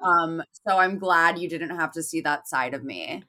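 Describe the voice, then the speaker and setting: A woman's voice: deep voice, moderate pace, pushed and bright. A woman guest on a podcast in casual chat, sick with a nasal voice, glum and self-deprecating.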